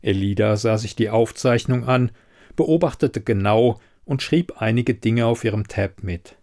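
A man narrating a crime story aloud in an expressive audiobook style. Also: fairly low pitch, a little slow.

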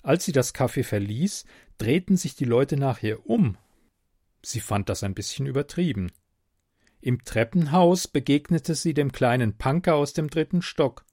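A man reading a story aloud in a slow, expressive way. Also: medium pitch, no room sound, studio quality.

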